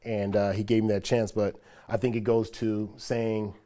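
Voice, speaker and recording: A former football player in his forties walks through an empty locker room and stadium, casually telling stories from his past. His voice is on the low side at a moderate pace, relaxed and reflective, turning animated when he greets a friend.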